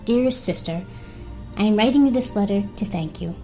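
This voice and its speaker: A woman voicing a stern, earnest pony princess in a dramatic comic reading, speaking in a formal, measured manner. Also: mid-range voice, warm tone, faint music behind, natural voice, low-quality recording. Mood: reflective.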